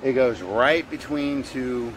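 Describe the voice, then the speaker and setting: A man narrates his do-it-yourself project in a relaxed, halting way, with frequent fillers and small stumbles. He is recorded outdoors on a deck, with a faint hum of passing traffic behind him. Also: medium pitch. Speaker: DIY video host. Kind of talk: casual how-to narration. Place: outdoors on a house deck by a street.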